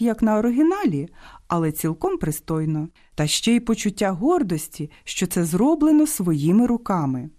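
Woman radio host, low mellow voice, animated teaching delivery, dry studio sound. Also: no room sound. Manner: didactic, lively emphasis on quoted words. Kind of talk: scripted radio talk.

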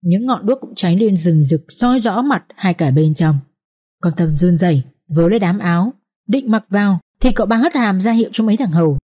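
A young woman narrating a Vietnamese family drama with lively, colloquial storytelling. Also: medium pitch, normal speed, husky. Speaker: audiobook narrator.

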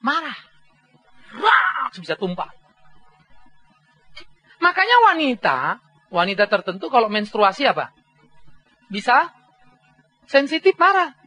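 A middle-aged man preaching a sermon as a pastor, telling animated stories with humor and acting out voices. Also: very high-pitched, takes it slowly, long pauses, noisy background. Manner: mixes English words into speech.

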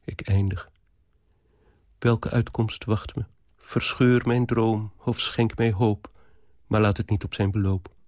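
An anxious, lovesick young woman from a radio storybook, pleading in a low, earnest voice, as a man reads her part. The sound is dry and close. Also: steady tone, slow, pauses often, darkish tone, dry recording.

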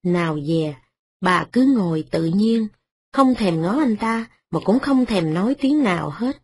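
A woman narrating a story as an audiobook in a steady, even manner. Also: medium pitch, a little slow, breathy edge.

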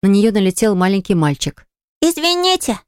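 A woman narrating an audiobook in an even, measured reading. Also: fairly low pitch, dry recording, studio quality. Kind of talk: scripted narration.

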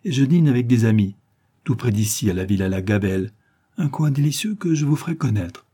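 A man's voice: mid-range voice, animated, brisk, mellow, breathy edge. A man putting on a breezy young woman swimmer.

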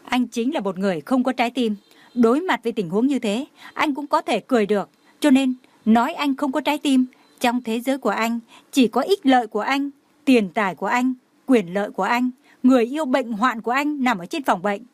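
A woman's voice: on the high side, brisk, dry recording, natural voice. A woman voicing an outspoken, fiery young heroine in an audio novel, defiant and indignant.

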